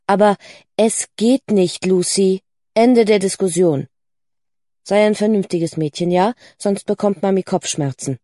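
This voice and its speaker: A woman's voice: medium pitch, moderate pace, hardly any pauses, mellow, no room sound, studio quality, lightly acted. A woman voicing a mother who coaxes and then firmly scolds her daughter in an audiobook reading. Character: busy mother, coaxing then firm and weary.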